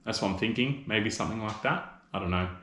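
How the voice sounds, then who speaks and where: A man's voice: fairly low pitch, quick pace, a bit bright. A man in his thirties with an Australian accent hosting a casual live chat with viewers, rambling and teasing them with mate and bro. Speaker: livestream host. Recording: roomy echo.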